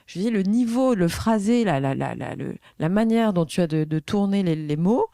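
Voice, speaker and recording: A woman's voice: mid-range voice, animated, normal speed, mellow, no room sound. Woman host, mid voice, effusive, restarts often, dry studio. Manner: effusive, admiring, many restarts. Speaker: podcast host. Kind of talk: interview conversation.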